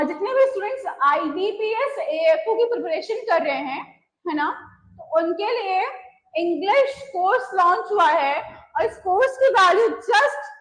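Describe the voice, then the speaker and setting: A high-voiced English teacher from India gives an online grammar lecture, patiently mixing Hindi and English and slowing down on examples. Her voice is a bit bright, and the recording is rough.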